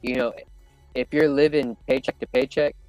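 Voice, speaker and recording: A man of middling pitch talks casually as a guest on a stream. He is hesitant and reflective, recorded dry with music behind him. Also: fairly even intonation, moderate pace, a little mellow, dry recording, poor audio. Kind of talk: casual chat.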